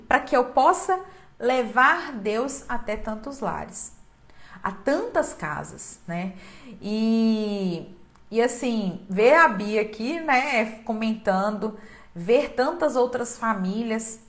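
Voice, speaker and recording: Brief: young Brazilian woman, high voice, earnest and moved, casual live-stream talk on a phone. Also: lively intonation, slow. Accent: Brazilian Portuguese. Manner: emotional, earnest, with many restarts and soft laughs.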